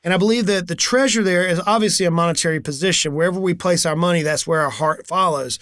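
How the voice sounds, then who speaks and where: A high-pitched, fast-talking man in his forties, his voice a bit bright, hosts a business coaching talk. As a business coach and channel host, he speaks solo to camera in an animated way, energetically telling stories and acting out the dialogue he quotes. The studio sound is clean with no room sound.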